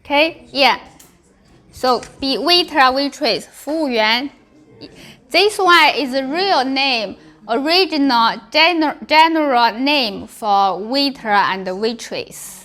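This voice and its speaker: High, bright Chinese-accented woman teaching slowly. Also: lively intonation. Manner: simple choppy English with frequent check-ins like "okay" and "yeah". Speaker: language teacher. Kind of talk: classroom Chinese lesson with repeated example words.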